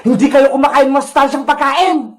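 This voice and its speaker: A woman's voice: sits high, fairly quick, reverberant, close to an everyday voice. A woman voicing a cruel, gloating female canteen vendor who scolds and threatens children in a cartoon. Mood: scolding. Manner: menacing, gloating with cackles. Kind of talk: cartoon voice acting.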